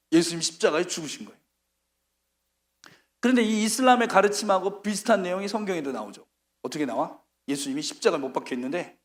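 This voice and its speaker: A middle-aged male missionary preaching a sermon, telling the story with animated acted-out voices. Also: fairly high pitch.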